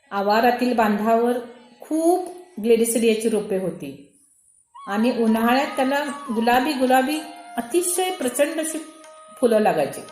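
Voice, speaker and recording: A woman from India reading aloud her own personal essay in a slow, measured storytelling manner. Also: on the high side, darkish tone, echoey room.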